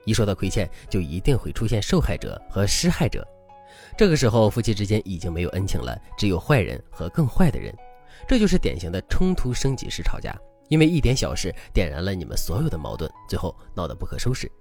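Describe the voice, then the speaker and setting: A man's voice: low voice, wildly swooping pitch, fast, darkish tone. A man hosting a relationship advice show, narrating a couple's story and lecturing in a scripted way. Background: faint background music.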